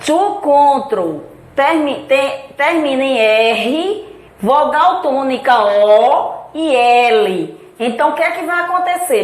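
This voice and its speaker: Slow, high-voiced woman teacher, echoey. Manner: repeats rules patiently, spells out letters. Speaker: English teacher. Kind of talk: slow explanatory classroom lesson.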